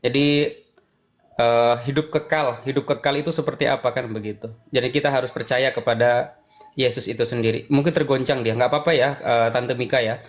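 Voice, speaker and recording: Calm Indonesian man in debate. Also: medium pitch, fairly quick. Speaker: debate panelist. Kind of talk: casual debate talk on a call.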